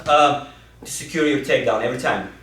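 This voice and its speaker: A man's voice: mid-range voice, fast talker, a bit bright, recorded from a distance, slight background noise. A man coaching wrestling moves in a demo, enthusiastic and full of "okay?" and "super" as he talks students through each step. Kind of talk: instructional technique demo. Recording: echoey room, speaker off-mic.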